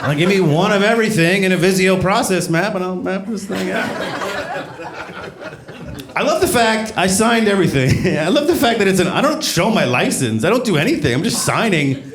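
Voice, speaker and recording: A man performing observational stand-up comedy, telling stories in an animated way and acting out exchanges. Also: sits high, fairly quick, crowd noise. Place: live comedy show before an audience. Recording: echoey room, clear background noise, live audience.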